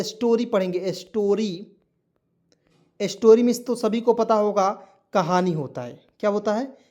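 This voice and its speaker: A man's voice: sits high, a little mellow. A man teaching a spoken language lesson to viewers, spelling words letter by letter and asking them repeated quiz questions.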